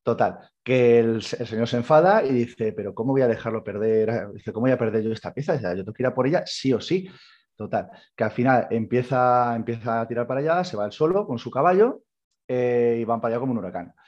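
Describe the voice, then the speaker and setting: Husky Spanish man retelling a story. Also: medium pitch, fairly quick, darkish tone. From Spain. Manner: retells a tale loosely, acting out characters' lines. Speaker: podcast co-host. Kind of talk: casual storytelling. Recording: slightly dull lo-fi audio.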